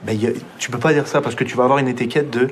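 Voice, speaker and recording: Fast-talking young man, Quebec accent. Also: medium pitch, fairly even intonation, slight background noise. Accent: Quebec French. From Montreal. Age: young adult. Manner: fast, reflective storyteller with frequent restarts. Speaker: filmmaker guest. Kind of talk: casual radio conversation.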